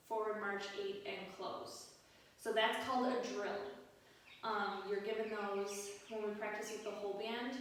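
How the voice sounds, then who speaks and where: Female marching instructor, mid-pitched, parade-commander style commands and counts amid casual explanation; heavily echoing room with faint noise. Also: fairly bright tone. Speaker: marching band drill instructor. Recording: very echoey room, far from mic, faint noise.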